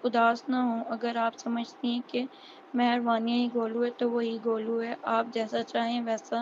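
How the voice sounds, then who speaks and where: A woman's voice: fairly high pitch, close to an everyday voice. A woman reading as a stern cold young man. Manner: flat monotone reading. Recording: dull lo-fi recording with faint hiss.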